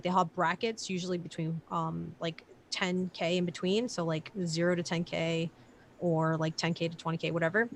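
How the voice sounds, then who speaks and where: A woman's voice: lowish voice, a bit bright. A woman in her late twenties, a digital marketer, chatting loosely on a live stream with lots of fillers and casual swearing. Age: late 20s.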